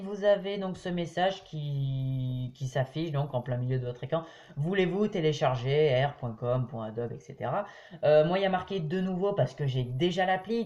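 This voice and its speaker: This is a man recording a laid-back video tutorial as a voice-over on his tablet. His tone is mellow and unforced, and he rambles with fillers and restarts, speaking to viewers as friends. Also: on the high side, highs cut off. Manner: chatty, hesitant, many fillers, addresses viewers as friends. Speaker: YouTube tutorial host. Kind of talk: casual screen-recording tutorial.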